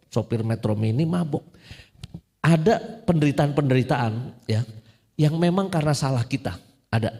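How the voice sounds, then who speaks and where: A man's voice: mid-range voice, warm tone. A man preaching a casual, joking sermon as a priest, slipping in English phrases. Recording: long hall reverb.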